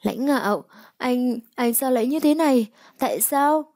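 A woman voicing a fierce, stubborn young heroine who snaps back with sharp, defiant retorts. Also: a little high, moderate pace, no echo, studio quality, close to an everyday voice.

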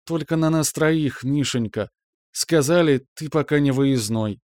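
A man voicing a cheerful middle-aged mother who gushes and chatters excitedly. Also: on the high side, a little slow, clear, resonant tone, no echo, studio quality, voice pushed up, lightly acted. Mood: apologetic. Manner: chirpy, breathless, gushing.

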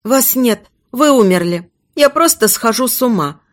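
A woman's voice: a little high, lively intonation, moderate pace, close to an everyday voice. A woman voicing a frightened young woman who whispers in a trembling voice.

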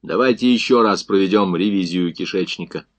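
A man voicing an exhausted, gruff male army field surgeon, curt and grumbling in an audiobook reading. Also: sits low, a little fast. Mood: tired.

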